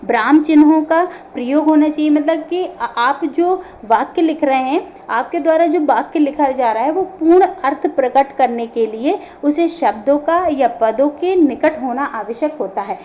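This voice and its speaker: A female teacher with a high, dark-toned voice leads an online grammar lesson at a moderate pace with hardly any pauses. She goes through each point step by step, asking a question and then answering it herself, while faint ambient noise sits in the room behind her.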